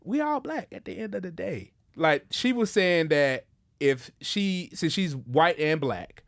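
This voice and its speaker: A man's voice: on the high side, very animated, unhurried, gravelly. A man hosting a casual podcast interview, loose and slangy with rambling restarts. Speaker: podcast host.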